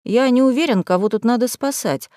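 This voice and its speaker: A man's voice: very high-pitched, brisk, a little mellow, no room sound, studio quality. Woman reading as an offhand lounging young man.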